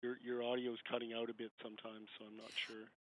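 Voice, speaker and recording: A man in his fifties on a glitchy, faint phone line, speaking haltingly with many fillers during public comment at a council meeting. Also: medium pitch, monotone, fairly bright tone. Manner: hesitant, halting, full of "you know" fillers. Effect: glitchy, faint phone-line audio.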